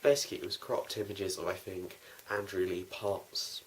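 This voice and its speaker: The host of a behind-the-scenes vlog, a young man who also writes and produces a fan audio drama, chats casually and rambles informally. He speaks low and steady at a moderate pace with a fairly bright tone, and the amateur recording is noisy and full of clicks.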